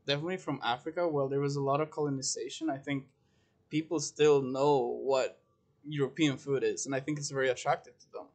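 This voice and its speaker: A man's voice: medium pitch, fairly even intonation, fairly quick. Easygoing young man chef, brief answers. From Chile. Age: 20s. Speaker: chef, guest. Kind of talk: casual interview.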